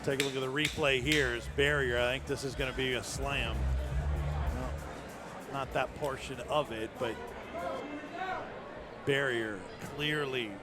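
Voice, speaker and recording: A man's voice: medium pitch, fairly even intonation, a little slow, pauses often. A man doing play-by-play commentary at a live fight event, speaking as a sports broadcaster. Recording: crowd and music behind.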